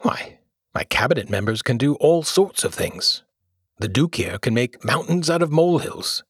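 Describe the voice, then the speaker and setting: A man's voice: medium pitch, very animated, moderate pace, husky, dry recording, clean studio sound, pitched above the performer's own voice. A man doing a pompous, irritable old king. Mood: imperious.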